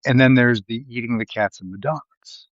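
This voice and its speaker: A man from Ohio with a Midwestern American accent hosts a live video, rambling and digressing with many fillers and restarts. His mid-range voice moves at normal speed through a live stream mic, with a dry recording and the highs cut off.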